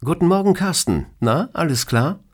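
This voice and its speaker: A man voicing a cheerful, teasing woman who is the boss in an audiobook story, raising his voice high and lively for her. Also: normal speed, close to an everyday voice. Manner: playful, teasing. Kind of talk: audiobook character reading.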